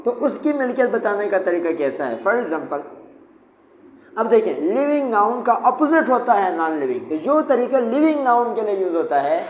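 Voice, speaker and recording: A man's voice: sits high, big pitch swings, normal speed. Patient male teacher in an echoey room. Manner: patient, explains step by step and repeats key points. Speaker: English grammar teacher. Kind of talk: classroom lesson at a whiteboard. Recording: echoey room, faint background noise.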